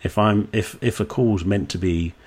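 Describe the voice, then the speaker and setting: This coach, interviewed in a Suffolk English accent, has a fairly low, darkish voice with a breathy edge and an even, moderate pace. Candid and relaxed, he swears casually as he reflects and now and then performs the dialogue he's quoting.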